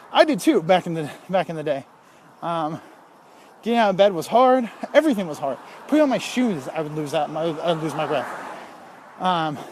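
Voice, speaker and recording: A man's voice: fairly high pitch, a little mellow, a little hiss or hum. A man talking casually while out walking, rambling and candid with lots of fillers, a little out of breath. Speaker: fitness vlogger. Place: outdoors on a walk.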